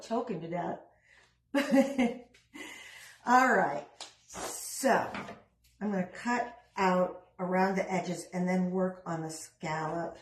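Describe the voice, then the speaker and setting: A middle-aged woman talks her way through a craft project at home in a chatty, rambling way, dropping self-deprecating asides. Her voice sits at an average pitch for a woman. The room around her gives a noticeable echo. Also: a little hiss or hum. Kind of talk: casual craft vlog chat.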